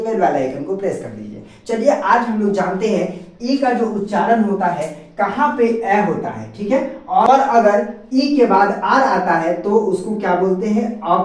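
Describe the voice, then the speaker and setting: A man's voice: high voice, a little mellow. Man teaching, echoey and far off. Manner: repetitive, checks understanding often. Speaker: English teacher and channel host. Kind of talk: spoken video lesson. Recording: echoey room, distant mic.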